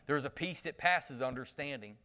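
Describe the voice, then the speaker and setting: A man preaching a sermon as pastor, emphatic, calling for responses and swinging between loud declarations and hushed asides. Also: mid-range voice, animated, normal speed.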